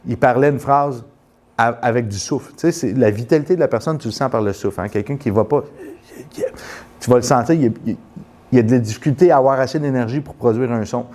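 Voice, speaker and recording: Quebec guy, mid-pitched voice, rambly and animated, tons of restarts, walking someone through a posture test. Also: fast. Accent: Quebec French. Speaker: postural therapist. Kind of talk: casual storytelling and live demonstration.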